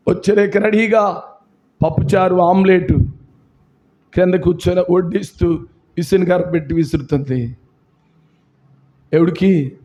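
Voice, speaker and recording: A male pastor with a Telugu accent, preaching a sermon and calling out to his congregation. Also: a little mellow. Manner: preaching with big swings in pitch, calling out to the congregation.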